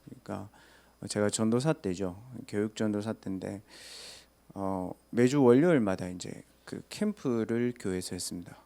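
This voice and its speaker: A man's voice: fairly low pitch, moderate pace, vocal fry, mellow. Chatty man preaching. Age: 30s. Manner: casual, chatty, asks listeners rhetorical questions. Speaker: pastor. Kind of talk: storytelling sermon.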